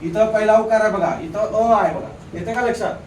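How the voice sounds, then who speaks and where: A man with a high, light voice lectures a class on grammar, firing questions back at the students and coaxing them along. He is picked up from some distance in an echoey room, with a faint hiss underneath. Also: a little fast, a little mellow. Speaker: Marathi grammar teacher.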